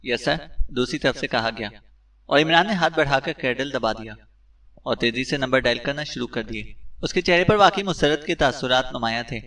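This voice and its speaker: A man narrating a spy novel audiobook in a steady, even storytelling voice. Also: medium pitch, far from the mic, poor audio.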